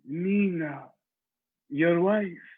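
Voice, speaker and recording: An actor playing a courtly, menacing ancient vampire count in a radio play, speaking formally and ominously. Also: male voice, high-pitched, extremely slow, husky, phone-quality sound, heavily acted. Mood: sly interest.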